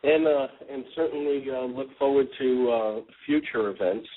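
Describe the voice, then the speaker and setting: A man hosting a franchise radio talk show, chatting casually with a relaxed, rambling delivery full of ums and uhs. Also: medium pitch, normal speed, a little hiss or hum. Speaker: podcast host. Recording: tinny phone-line radio audio.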